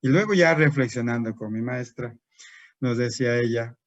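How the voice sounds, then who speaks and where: A man's voice: mid-range voice, normal speed, no room sound. Man lecturing, dull dry recording. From Peru. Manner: asks and answers his own rhetorical questions. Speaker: teacher trainer. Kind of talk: lecture to teachers.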